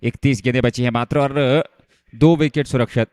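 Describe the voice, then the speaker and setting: A male cricket commentator calls a match live, his delivery growing excited when the action picks up. His medium-pitched voice is smooth and fairly quick, and the recording sounds close and dry.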